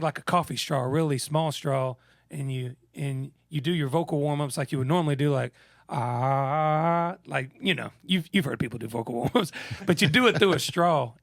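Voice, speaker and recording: A musician guest chats in a laid-back way on a radio show and laughs easily. His naturally scratchy voice is a little high and has vocal fry. The recording has clean studio sound with no echo.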